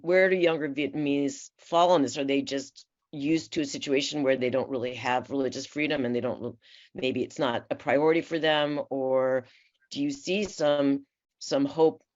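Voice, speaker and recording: A woman from the San Francisco Bay Area who sits on a commission, questioning panelists at a formal hearing in a measured, polite way with frequent fillers. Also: rumbling low. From San Francisco Bay Area, USA. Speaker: commission member. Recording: muffled, slightly dull audio.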